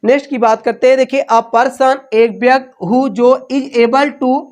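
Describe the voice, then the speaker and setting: A woman with a slightly high voice runs an exam-prep English vocabulary lesson. She drills each word by call and response, asking again and again and then answering herself. She moves freely between Hindi and English. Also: steady tone, unhurried, darkish tone. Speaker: English teacher.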